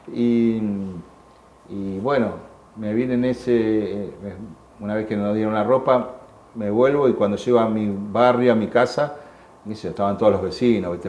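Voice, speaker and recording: A man in his sixties with an Argentine accent gives halting personal testimony, often repeating words and acting out the voices of people he quotes. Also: lowish voice, warm tone. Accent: Argentine Spanish. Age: 60s. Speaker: war veteran interviewee. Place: museum room. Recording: echoey room with faint background hum.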